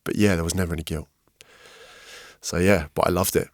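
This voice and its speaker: A man, a podcast guest, telling his story candidly and frankly, getting animated when he quotes other people. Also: deep voice, brisk, no echo, clean studio sound. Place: podcast studio.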